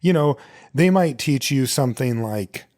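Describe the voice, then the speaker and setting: An animated but unhurried middle-aged man from the U.S. speaks at medium pitch with a slightly mellow quality. On his podcast he talks by himself in a conversational way, answering listener questions and sharing his own stories.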